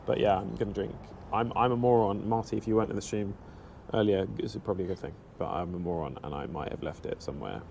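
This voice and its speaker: A British man in his thirties, a motorcycle vlogger, chats casually and self-deprecatingly to his live-stream viewers from a café stop outdoors in central London. His voice is low, fast and gravelly with few pauses and a slightly mellow tone. The small action-camera mic on his helmet picks up a little hiss or hum.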